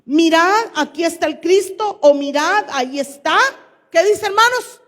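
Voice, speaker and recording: High-voiced woman pastor preaching. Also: measured pace. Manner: preachy, asks congregation questions, reads scripture aloud. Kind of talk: sermon. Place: church. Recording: long church hall reverb.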